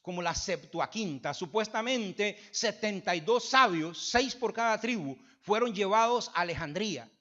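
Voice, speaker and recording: A high-voiced man delivers a sermon in a church. He moves from loud, emphatic declarations to soft, chatty asides, repeating words as he goes and checking in with the listeners. The recording sounds dull and lo-fi. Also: lively intonation, normal speed, hardly any pauses. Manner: swings from loud emphatic preaching to quiet conversational asides; repeats and restarts phrases, asks the congregation "verdad?". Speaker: pastor.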